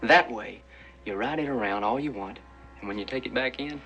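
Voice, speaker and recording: An actor playing a sly, slangy small-time hustler making chummy, wheedling sales patter in a film. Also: male voice, lowish voice, moderate pace, fairly bright tone, faint music behind.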